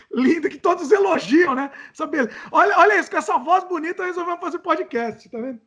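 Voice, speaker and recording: A young man with a Brazilian accent and a strikingly high voice hosts a casual podcast. He talks with lively energy, keeps the jokes coming and pokes fun at himself. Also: a little fast, muffled recording. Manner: playful, jokey, self-mocking. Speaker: podcast host.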